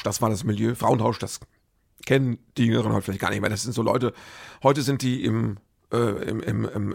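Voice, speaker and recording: A comedian telling rambling, self-correcting anecdotes in a casual monologue. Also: male voice, mid-range voice, vocal fry, husky.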